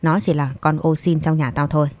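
A man's voice: on the high side, flat delivery, fairly quick, a little mellow, dry recording, close to an everyday voice. A woman voicing a crude, bullying young ex-husband who snarls his lines, in a storybook reading. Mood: contemptuous. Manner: snarling, contemptuous.

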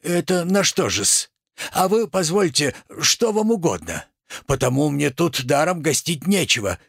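A man reads as a shrewd, stubborn old-fashioned merchant, politely deferential but sly. Slow, gravelly and a little husky, in a dry close recording. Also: a little high, big pitch swings, fairly bright tone, dry recording, full character voice. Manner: deferential yet sly, homespun speech.

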